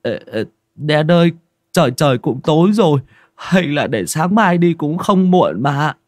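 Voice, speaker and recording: A man voicing a boisterous village man in his thirties, shouting and jolly, in a spoken ghost story. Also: a little high, lively intonation, unhurried, dry recording, studio quality, pitched above the performer's own voice. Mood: tearful.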